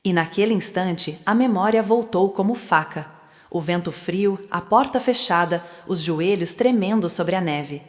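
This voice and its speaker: A woman's voice: fairly low pitch, measured pace. A woman reading scripted dramatic narration in short, solemn phrases. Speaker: storyteller. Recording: long reverb.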